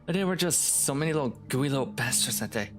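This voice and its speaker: A man's voice: mid-range voice, animated, fast, over music, close to an everyday voice. A man reading a tough, rueful young woman.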